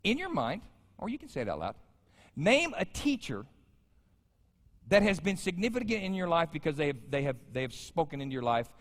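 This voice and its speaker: A man's voice: on the high side, wildly swooping pitch, a little fast. A man in his fifties preaching a sermon as pastor, conversational and joking with the congregation. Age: 50s. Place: large church sanctuary. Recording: church sanctuary with long reverb.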